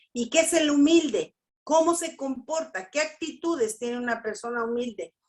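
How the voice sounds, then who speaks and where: A woman teaching a family workshop in a preaching style. She talks slowly and emphatically, checks in with the audience, and acts out quotes. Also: fairly high pitch. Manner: slow, emphatic, with repeated "¿sí?" checks and acted-out quotes. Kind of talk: preaching talk.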